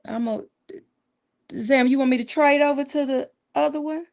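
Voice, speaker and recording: Woman hosting a casual chat show, kinda high voice, folksy and animated, repeats stuff. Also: normal speed, gravelly. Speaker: talk show host. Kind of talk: casual live call-in style chat.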